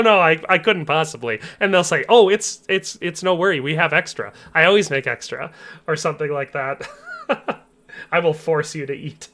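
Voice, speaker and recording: Chatty, bright-voiced streamer man. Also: fairly high pitch. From US Upper Midwest. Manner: chatty, laughs easily, reads chat aloud. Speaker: game streamer. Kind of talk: casual livestream chat.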